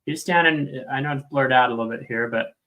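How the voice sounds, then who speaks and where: Bright-voiced man casually narrating video clips. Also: medium pitch, a little fast, poor audio. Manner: thinking aloud, informal narration. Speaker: video host reviewing footage. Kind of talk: casual live commentary over video clips.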